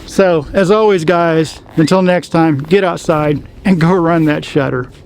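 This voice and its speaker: A man hosting a wildlife photography channel, outdoors at dusk, cold and talking fast as he explains a giveaway in a casual, repetitive way. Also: fairly high pitch, a little mellow, poor audio. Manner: chatty, repeats instructions, talks fast.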